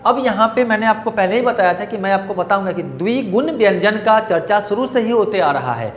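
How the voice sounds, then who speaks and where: Male teacher, animated pitch, keeps quizzing his pupils, echoey room with a long ringing reverb. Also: a little fast, slight background noise. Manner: lively, repetitive, quizzes pupils with questions. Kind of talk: classroom grammar lesson.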